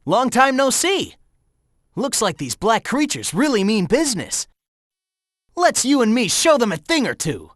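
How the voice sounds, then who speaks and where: Sonic, a cocky, lively young hedgehog hero. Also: male voice, sits high, dry recording, studio quality, heavily acted. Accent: American. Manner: breezy, cocky, energetic, slangy. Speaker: video game voice actor. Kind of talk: video game character dialogue.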